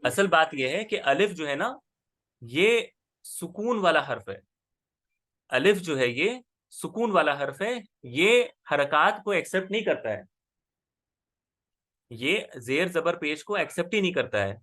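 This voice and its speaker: A man with a somewhat high voice teaches a class. He explains patiently and keeps pausing to check that the student is following. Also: sing-song, a bit bright. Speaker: Arabic grammar teacher. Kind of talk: online class lesson.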